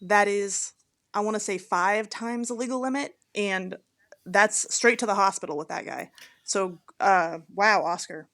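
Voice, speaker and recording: A woman's voice: mid-range voice, measured pace, fairly bright tone. A woman co-hosting a podcast as a police officer, casual and teasing, swearing freely. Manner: blunt, profane, teasing.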